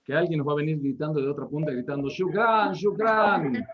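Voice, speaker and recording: A man from Patagonia, giving a missionary report over a video call in a joking, lively way. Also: on the high side, rapid-fire, highs cut off, background noise. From Argentine Patagonia.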